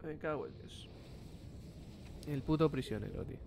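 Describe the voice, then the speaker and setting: A young man with a Spain Spanish accent, a streamer giving excitable, slangy reaction commentary and swearing freely. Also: on the high side, moderate pace, vocal fry, a little hiss or hum.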